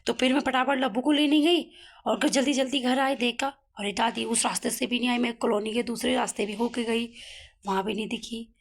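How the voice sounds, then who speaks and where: A woman's voice: fairly high pitch, fairly quick. Chatty woman retelling a family mishap. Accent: Uttarakhand Hindi. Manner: chatty, animated retelling with many asides. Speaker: vlogger. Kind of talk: casual storytelling vlog.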